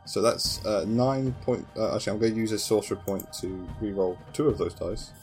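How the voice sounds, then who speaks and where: A man's voice: fairly low pitch, a little fast, darkish tone, soft background music. A man playing a tabletop game, unsure of the rules and asking questions. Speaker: player.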